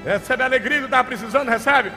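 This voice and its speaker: A male pastor with a Brazilian Portuguese accent, leading a deliverance prayer at a church service, moving between rapid hushed speech, shouted commands and bursts of speaking in tongues. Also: very high voice, vocal fry. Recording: reverberant hall with faint background music.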